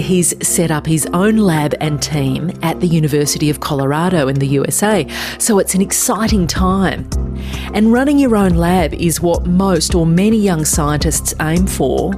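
A woman hosting a radio science show, narrating a scripted story with dry asides. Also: fairly low pitch.

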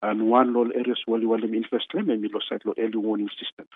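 Over a tinny, phone-like radio line, a regional meteorology official from the Pacific Islands answers interview questions in Solomon Islands Pidgin mixed with English. He has a Melanesian accent and a lowish voice, and his delivery is flat and halting, with drawn-out and repeated words, on a dry recording.

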